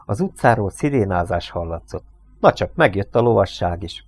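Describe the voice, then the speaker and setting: A man reading a crime novel aloud as an audiobook in measured storytelling fashion, raising his voice for shouted dialogue. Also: on the low side, animated, slightly rough. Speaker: audiobook reader.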